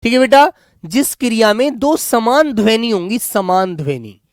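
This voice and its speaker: A male teacher giving a grammar lesson to children, slowly dictating and repeating words so they can write them down, and speaking affectionately to his pupils. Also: high voice, expressive, clear, resonant tone, dry recording, clean studio sound. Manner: affectionate, calls students "beta".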